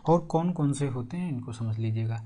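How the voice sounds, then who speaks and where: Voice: mid-range voice, dark tone. Exam-prep teacher, repetitive drilling delivery with rhetorical check-up questions. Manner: drills key phrases word by word, repeating them slowly; keeps asking the class rhetorical check-up questions. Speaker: Hindi teacher for exam preparation. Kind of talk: online exam-prep lesson.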